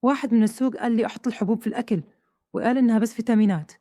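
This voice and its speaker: A woman's voice: fairly high pitch, racing, warm tone, dry recording, clean studio sound, natural voice. A woman voicing a nervous male house servant who speaks broken Arabic and pleads, in a told story. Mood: pleading. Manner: simple broken phrasing, pleading. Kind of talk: storytelling dialogue.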